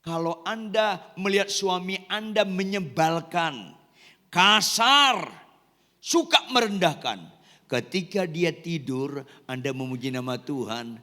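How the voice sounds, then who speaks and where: A male pastor preaching an animated sermon, joking and quizzing his congregation and shouting now and then. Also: a little high, measured pace, hardly any pauses, in a large hall. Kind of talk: lively sermon.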